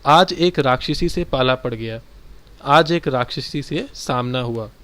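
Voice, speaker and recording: A man teaching a primary-school lesson, walking children through textbook exercises and explaining each one slowly and directly. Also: mid-range voice, a bit bright.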